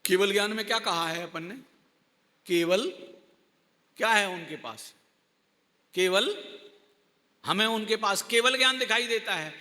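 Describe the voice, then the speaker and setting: A man's voice: high-pitched, pushed and bright. A man giving a religious discourse to a class as a Jain teacher. He keeps asking his listeners questions and repeats key words for emphasis. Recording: long hall reverb.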